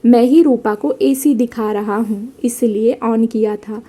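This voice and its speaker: A patient young husband who gently teases and corrects his wife in a storybook tale, voiced by a woman narrator. His lines come out fairly high and mellow. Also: steady tone, unhurried.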